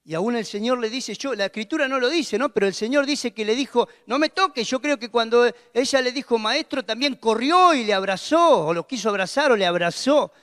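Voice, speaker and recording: Emphatic high-voiced preacher in a reverberant hall. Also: male voice, fairly quick, few pauses. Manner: emphatic, repeats exclamations, drops to hushed tones for quotes. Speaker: pastor. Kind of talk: sermon. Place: church hall.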